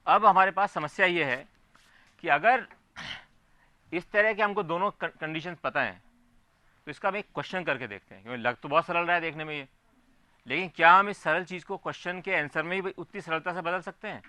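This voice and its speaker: A man's voice: a little high, a little fast, sharp tone, no room sound. A man teaching a physics class, explaining step by step and often asking his students whether they follow. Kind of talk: classroom lecture.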